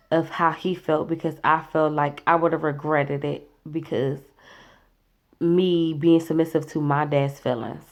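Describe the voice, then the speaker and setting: Woman, 20s, low voice, casual storyteller who acts out the dialogue. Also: darkish tone. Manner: chatty, acts out quoted voices. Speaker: vlogger.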